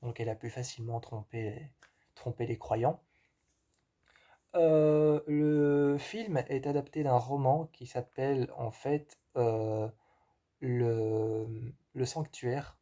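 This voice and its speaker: Man, mid-pitched warm tone, stop-start casual film talk full of fillers. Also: steady tone, slow pace. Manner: hesitant, many fillers and repeats. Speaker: film reviewer. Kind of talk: casual film review monologue.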